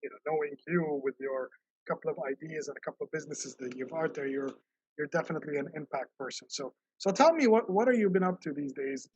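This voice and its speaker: A man's voice: fairly high pitch, quick pace, darkish tone, breathy edge, highs cut off. A man hosting a podcast interview in a friendly, casual way, with frequent fillers and repeated words. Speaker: podcast host.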